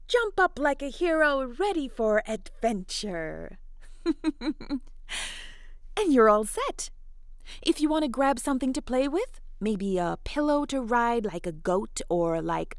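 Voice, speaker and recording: A woman with a high-sitting voice tells an interactive fairy tale to children, animated and encouraging, chatting playfully with her young listeners along the way. The studio sound is clean, with no echo.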